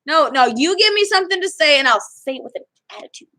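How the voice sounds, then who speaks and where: A woman's voice: high-pitched, lively intonation, quick pace, bright, forceful tone. A young woman chatting casually for her vlog, rambling and cutting herself off mid-sentence. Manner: chatty, rambling, self-interrupting. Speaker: vlogger. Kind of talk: casual chat.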